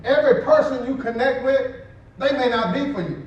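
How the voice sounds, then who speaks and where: A man with a notably high voice preaches in a casual, storytelling way, slipping into quoted voices and little laughs. He is picked up from a distance in a strongly echoing church hall, so his words ring around the room. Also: fairly quick, lo-fi sound, a little hiss or hum. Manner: conversational preaching with acted-out quotes and chuckles. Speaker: pastor. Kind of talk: sermon.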